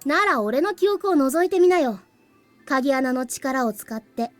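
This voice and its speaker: Here the same kind of role appears: a composed, aloof young boy in a Japanese visual novel who embodies the hero's crystallized past memory. His high voice is expressive and brisk, cool and matter-of-fact with slight cheek, though the mood is grave. Game music is clearly audible and there's no echo.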